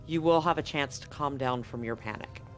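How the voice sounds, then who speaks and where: A man acts as game master for a live tabletop role-playing session, narrating and explaining things in a conversational way. His voice is medium-pitched and fairly quick, with music playing in the background.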